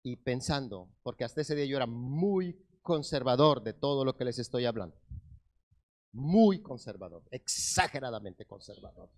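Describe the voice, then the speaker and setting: A middle-aged male pastor giving a sermon testimony, telling his story in a lively way that swings from loud bursts to hushed tones. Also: mid-range voice, normal speed.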